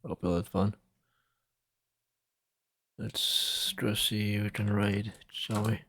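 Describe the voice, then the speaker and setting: A male livestreamer talking casually to his chat through a gaming headset mic, laid-back with filler pauses. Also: on the low side, flat delivery, fairly bright tone.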